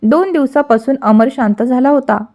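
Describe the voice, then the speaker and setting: A woman with a high voice narrates a story in a steady, expressive manner. Soft music plays faintly behind her. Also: moderate pace.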